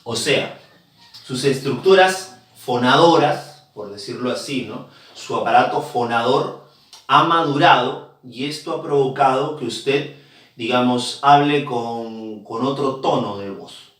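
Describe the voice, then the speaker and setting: A man's voice: medium pitch, a little slow, a bit bright. A man teaching a psychology class, explaining with everyday examples and constant rhetorical check-ins. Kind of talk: classroom lecture. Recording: very echoey room, distant mic.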